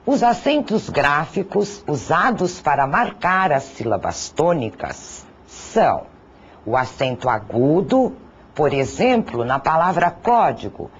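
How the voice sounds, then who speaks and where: Slow, breathy teacher on a dull recording. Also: medium pitch. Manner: slow, deliberate, spells out syllables and lists examples. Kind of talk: recorded grammar lesson narration.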